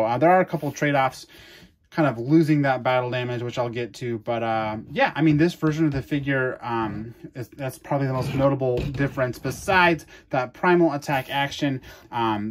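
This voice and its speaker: A man's voice: medium pitch, slight background noise. A man giving an enthusiastic, casual toy review to camera, chatty with many fillers and restarts.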